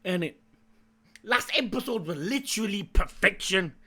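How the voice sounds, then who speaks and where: A young man with a raspy, creaky voice doing excited live reaction commentary in slangy, hyped-up bro talk that bursts into shouting. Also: sits high, moderate pace. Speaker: YouTube anime reaction host.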